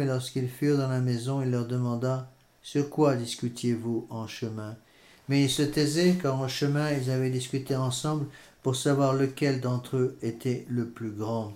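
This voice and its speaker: A man preaching a sermon in French and reading scripture aloud, measured and hesitant, pausing on fillers. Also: medium pitch, a little mellow. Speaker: priest. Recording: echoey room.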